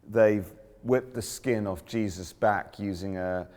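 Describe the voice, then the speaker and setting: A man with a low voice preaches in a church, and his words ring out with a long echo around the room. He tells the story vividly, then drops to a near-whisper for the key lines. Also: takes it slowly, darkish tone. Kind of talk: sermon. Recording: echoey church hall.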